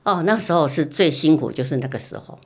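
Woman, middle-aged mother, lively swooping pitch, slightly low voice, repetitive storytelling. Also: a little fast, slightly rough. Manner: animated storytelling, repeats words, acts out her own past lines. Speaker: mother recalling her child's infancy. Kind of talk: casual family chat.

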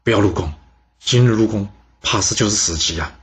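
A man's voice: on the low side, fairly quick, slightly rough. A man voicing an earnest male retainer who begs his master not to go. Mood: pleading. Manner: earnest, pleading. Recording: dull lo-fi sound.

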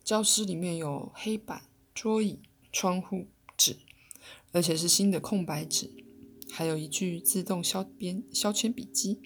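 A woman narrating a novel aloud in a steady, measured audiobook reading. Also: fairly low pitch, slightly rough. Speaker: podcast reader.

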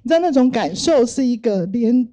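Brief: middle-aged woman, Taiwanese Mandarin accent, very mellow dark tone, unhurried reflective storyteller. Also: fairly high pitch, lively intonation. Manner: gentle, thoughtful, many soft fillers. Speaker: speaker sharing work stories.

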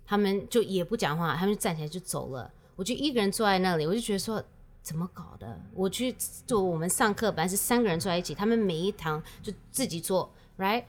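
A woman's voice: mid-range voice, lively intonation, quick pace. A woman telling a personal story in casual chat, slipping English words and phrases into her speech. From United States. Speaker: guest.

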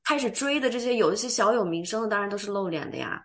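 Trading teasing banter with friends, a podcast host chats in an animated, talkative and casual way. She has a youthful, sweet voice of medium pitch and speaks at a quick pace.

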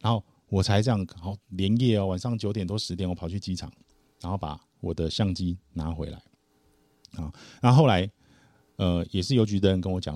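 A man casually telling a personal story on a podcast, animated and acting out the people he quotes. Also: deep voice, no echo. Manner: animated, acts out quoted voices.

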